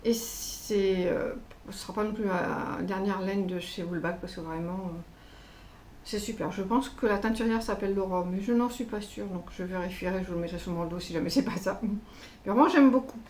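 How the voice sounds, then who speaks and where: A chatty woman with a French accent presents her latest craft parcels in a relaxed, hesitant way, often pausing to search for words. Her voice sits at an ordinary middle pitch, with a faint hum of room noise underneath. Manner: chatty, hesitant, lots of fillers. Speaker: craft channel host. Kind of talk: casual unboxing vlog.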